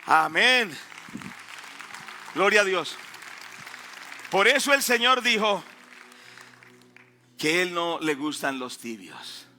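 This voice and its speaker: Bright high-voiced fervent male pastor. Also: animated, takes it slowly, pauses often, faint music behind, some chatter behind. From Colombia. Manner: fervent preaching, swelling to shouts and dropping low. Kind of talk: sermon. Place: church hall.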